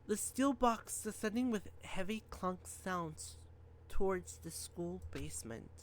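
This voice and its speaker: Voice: medium pitch, lively intonation, takes it slowly, a little hiss or hum. A game streamer reading story text aloud during a live playthrough, stumbling, rereading and chatting to viewers.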